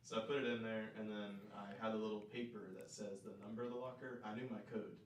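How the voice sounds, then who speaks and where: A man's voice: on the low side, little pitch movement, fast, a little hiss or hum. A young man telling a rambling story full of fillers, recorded in a roomy studio. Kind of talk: casual anecdote.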